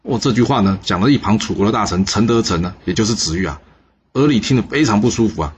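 A man telling a historical story with lively, chatty asides to the listener. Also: fairly low pitch, fast, muffled recording, slight background noise.

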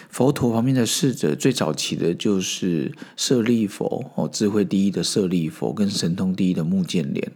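A man hosting a podcast, explaining a Zen koan in a relaxed, conversational storytelling manner. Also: lowish voice, slightly rough. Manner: relaxed, explanatory, with frequent fillers. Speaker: podcast host. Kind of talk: storytelling commentary on Zen koans.

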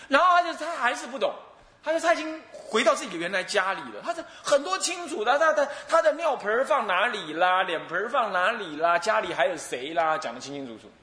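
A Buddhist abbot preaches in a high, bright voice that rises and falls with great life. He tells stories with humor, chuckles often, and acts out the people he quotes. The sound rings in an echoey hall. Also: very animated, fairly quick. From Taiwan. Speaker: Buddhist abbot teaching a sutra. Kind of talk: sermon lecture with storytelling.

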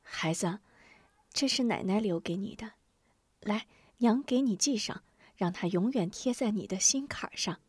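A woman voicing a tender, grieving mother who speaks softly and gently. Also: fairly high pitch, sing-song, unhurried, no echo.

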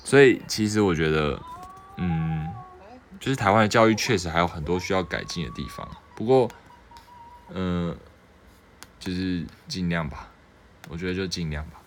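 A young man with a Taiwanese Mandarin accent hosts a relaxed livestream. He reads viewer questions aloud and answers them in a joking, offhand way. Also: low-pitched, normal speed, pauses often, a little hiss or hum. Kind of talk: casual livestream chat.

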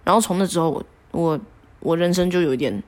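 A woman telling a personal story on a podcast, animated and self-deprecating with many fillers. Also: on the low side, fast talker. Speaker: podcast host.

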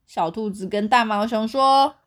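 A young woman with a Taiwanese Mandarin accent reading a picture book aloud to her child at bedtime, in an animated storytelling way. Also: a little high, moderate pace.

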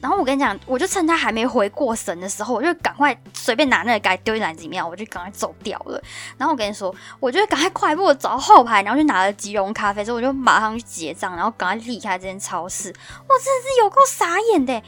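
A young woman in her twenties with a Taiwanese Mandarin accent, hosting a casual podcast and telling stories in an animated, exclamatory way. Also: on the high side, quick pace, soft background music. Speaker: podcast host.

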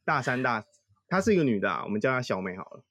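A man's voice: mid-range voice, big pitch swings, quick pace, a bit bright, no echo. Guy co-host, chill teasing storyteller, dry close mic. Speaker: podcast co-host. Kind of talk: casual storytelling chat.

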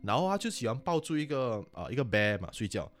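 A man with a Singaporean accent and a mid-range voice talks fast, his intonation rising and falling dramatically. As a podcast guest, he animatedly tells ghost stories in casual Mandarin, mixing in English words.

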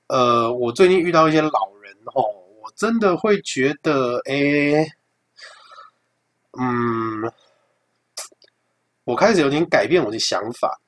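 A young man with a Taiwanese Mandarin accent, hosting a podcast and telling a story in a casual, animated, profane way, acting out the dialogue. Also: medium pitch. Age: young adult. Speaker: podcast host.

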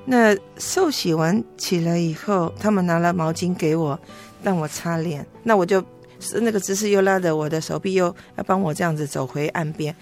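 A middle-aged woman earnestly telling her faith testimony as an interview guest, emotional and halting with frequent restarts. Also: lowish voice, a little mellow, soft background music.

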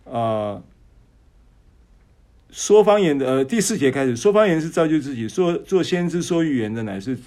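A male pastor preaches in an animated storytelling manner at a mid-range pitch, talking straight to his listeners. His speech is full of stammered repeats and restarts. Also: a little fast, few pauses. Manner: speaks to listeners directly. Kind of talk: sermon with personal testimony.

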